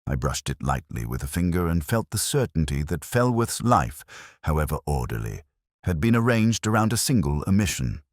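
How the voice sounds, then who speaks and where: An actor playing a brooding, intellectual middle-aged police inspector, narrating an audio drama in a measured, reflective, wry way. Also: male voice, a bass voice, very animated, no echo, clean studio sound, heavily acted. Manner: measured, reflective, literary phrasing. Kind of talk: scripted first-person detective narration, audio drama.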